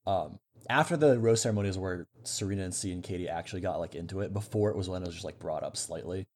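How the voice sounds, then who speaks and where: Low-voiced man recapping casually. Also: fast, darkish tone. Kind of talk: casual chat.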